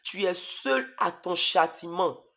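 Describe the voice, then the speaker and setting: A man voicing a menacing male devil who shouts harsh orders from afar. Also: sits high, takes it slowly, gravelly, exaggerated voice. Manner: harsh, hateful commanding shout.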